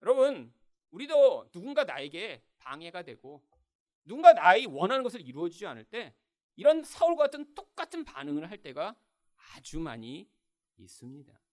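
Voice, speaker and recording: Brief: male church pastor, emphatic sermon delivery, full of rhetorical questions, lively pitch. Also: moderate pace. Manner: emphatic, keeps addressing the congregation with rhetorical questions.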